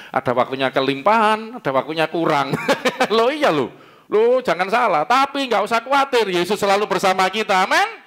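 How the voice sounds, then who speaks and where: Middle-aged Javanese-accented man, pastor, animated and conversational, playful with the congregation. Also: fairly high pitch. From East Java. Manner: chatty, joking, laughs often, asks the congregation questions. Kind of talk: conversational sermon. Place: church service.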